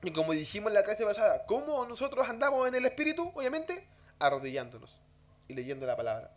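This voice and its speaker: Man, high voice, church Bible class teaching, conversational, rhetorical questions. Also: sing-song, fast talker.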